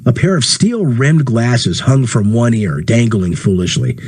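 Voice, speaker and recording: A man with a husky voice reading a story aloud, voicing the dialogue by lifting his pitch. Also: animated, a little slow, darkish tone. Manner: acts dialogue with rising pitch. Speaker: narrator. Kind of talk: audiobook reading.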